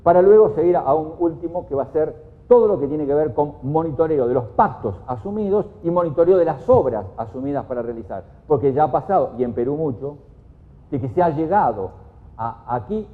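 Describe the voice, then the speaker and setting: A man with an Argentine Spanish accent giving a lively conference talk, jumping to loud, raised voices when he quotes people. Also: a little high, fairly quick. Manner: animated, jumps to shouts when quoting people. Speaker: conference speaker. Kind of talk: lively lecture with acted quotes. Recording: echoey hall on a thin, phone-like sound.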